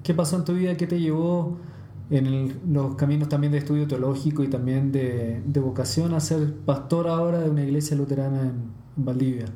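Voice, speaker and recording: A man's voice: fairly high pitch, steady tone, brisk, dark tone, roomy sound, a little hiss or hum. A man interviewing a former classmate in a friendly, curious way. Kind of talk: casual interview.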